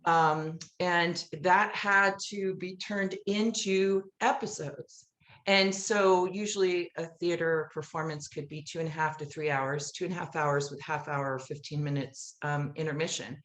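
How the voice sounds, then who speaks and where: Telling animated stories as an interview guest, a middle-aged musical playwright often acts out dialogue she recalls. Her voice is low and steady with a fairly bright tone, and she talks a little slowly. The recording is roomy and echoey.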